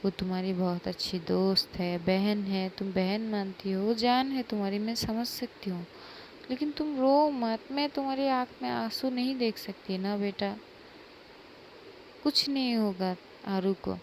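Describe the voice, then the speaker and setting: A woman voicing a gentle mother who comforts and reassures her crying daughter. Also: mid-range voice, measured pace, a little hiss or hum, lightly acted. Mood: soothing. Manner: soothing, reassuring.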